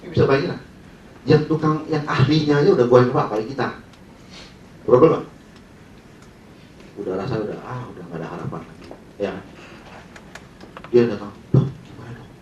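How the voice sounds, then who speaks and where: A man's voice: mid-range voice, fairly quick, long pauses, darkish tone, a little hiss or hum. A man leading a sales training, telling a dramatic story and asking the audience questions, heard in a dull, roomy recording from a distant mic.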